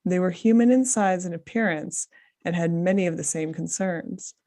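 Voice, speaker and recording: A woman's voice: fairly low pitch, normal speed, warm tone. A woman co-hosting a casual group podcast, reading a passage aloud with joking asides. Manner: laughs often, reads with asides. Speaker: podcast co-host.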